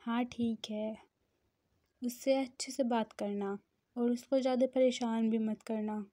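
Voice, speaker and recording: A woman's voice: a little high, steady tone, a little slow, warm tone, no echo, natural voice. A woman voicing a kind, soothing young elder sister in a storybook reading.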